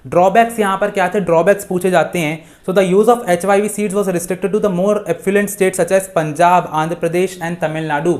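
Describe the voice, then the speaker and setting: ऊँची आवाज़, पुरुष, हिंदी में समझाता, अंग्रेज़ी नोट्स धीमे पढ़ता, भारतीय लहजा. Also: male voice, high voice, steady tone, darkish tone. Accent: Indian English. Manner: mixes Hindi with slow English read-outs from notes. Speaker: teacher. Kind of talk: live online exam-revision lesson.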